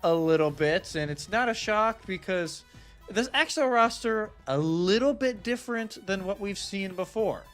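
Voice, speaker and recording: A man working as an esports caster previews a match casually and conversationally, with emphatic phrasing. His voice is high, animated, a bit bright and unhurried, and music plays in the background.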